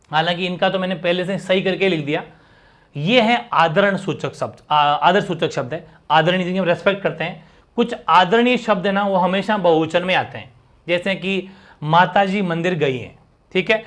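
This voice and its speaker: High-voiced energetic male teacher. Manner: energetic, keeps checking in with students. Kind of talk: live online grammar class.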